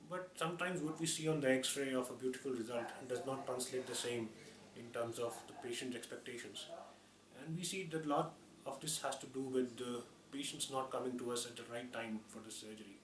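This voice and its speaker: A man's voice: mid-range voice, brisk, a crowd in the background. A man with an Indian accent giving a formal, explanatory medical talk as a surgeon, with hesitant phrasing. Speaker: orthopedic surgeon. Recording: echoey room, distant mic, clear noise.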